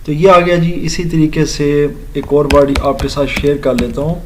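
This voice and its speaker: A man teaching an English grammar lesson, explaining slowly, spelling out letters and repeating words for his students. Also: a little high, steady tone, noisy background. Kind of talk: recorded grammar lecture.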